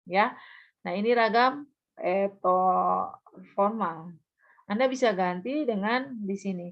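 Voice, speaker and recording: A patient woman teacher walks through her lesson, saying each example phrase aloud and stopping now and then to check that the listener is following. Her voice is in the middle of the female range. The recording sounds muffled and lo-fi. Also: mid-range voice. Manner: checks understanding with quick asides. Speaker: Japanese language teacher.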